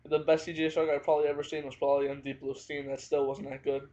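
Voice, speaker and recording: Hesitant man with a flat, higher voice. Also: racing. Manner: hesitant, frequent fillers and hedging. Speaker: movie reviewer. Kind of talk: casual spoken review. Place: at home, family nearby. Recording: dull lo-fi home recording.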